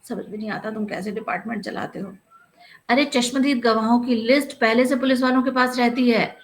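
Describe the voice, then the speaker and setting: A woman's voice: fairly high pitch, fairly bright tone, voice pushed up, lightly acted, poor audio. Woman as a scheming male inspector, scolding, condescending, storybook reading. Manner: scolding, lecturing.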